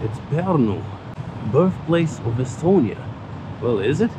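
A man in his thirties filming a casual travel vlog, chatty and relaxed, with self-deprecating asides, recorded on a handheld camera mic. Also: fairly high pitch, unhurried, background noise. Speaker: travel vlogger. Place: indoors in a hostel, then outdoors in snowy streets and on a bus.

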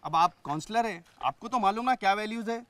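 A man's voice: sits high, fairly quick, fairly bright tone. A man with a Hyderabadi accent playing a stern traffic policeman in a comedy sketch, lecturing about helmets and rules.

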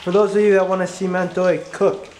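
A man's voice: high-pitched, brisk, a loud crowd. Young man rambling casually in an echoey kitchen. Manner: relaxed, rambling, many ums. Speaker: vlog co-host. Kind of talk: casual vlog commentary. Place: small tiled home kitchen. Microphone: handheld compact camera.

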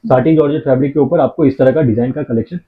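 A man showing fabrics in a shop, giving a steady sales pitch and repeating his phrases. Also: rapid-fire. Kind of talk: showing products on camera. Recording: tinny phone-like sound.

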